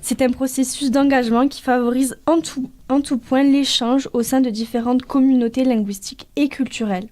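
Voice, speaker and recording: A woman's voice: sits high, fairly even intonation, normal speed, few pauses, a little mellow. A woman giving a prepared explanation as a guest in a radio interview.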